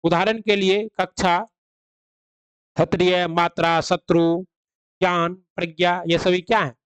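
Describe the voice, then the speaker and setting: A man gives an online grammar lesson, setting out each rule and then quizzing the listener with questions he answers himself. His voice is smooth and clear and sits a little high. It is recorded close up in a dry room. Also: flat delivery, a little slow, fairly bright tone, no echo, dull audio. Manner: explains rules then quizzes with rhetorical questions. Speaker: Hindi grammar teacher. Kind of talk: online exam-prep lecture.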